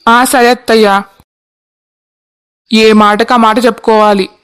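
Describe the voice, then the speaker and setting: A voice artist voicing a polite young husband in a cartoon. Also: male voice, high-pitched, little pitch movement, unhurried, fairly bright tone, clean tone.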